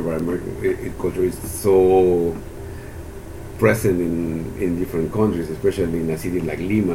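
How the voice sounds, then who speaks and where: A man in his sixties from Peru, a Spanish speaker answering oral history questions about his life in a halting way with many restarts. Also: deep voice. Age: 60s. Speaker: interviewee, university economist. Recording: steady background hiss.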